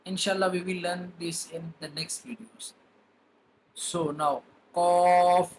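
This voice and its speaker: A man gives a patient pronunciation lesson and says each letter name twice before he explains it. He speaks very slowly in a fairly high, flat voice. Faint ambient noise sits behind him. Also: poor audio. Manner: spells out letter names one by one, repeating each twice. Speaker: Quran reading teacher.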